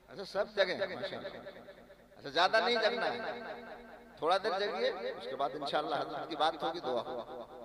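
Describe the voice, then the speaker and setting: A male Islamic preacher giving a sermon to a live gathering, often quizzing the audience with repeated questions and joking with them. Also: high voice. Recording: audience laughter and crowd noise.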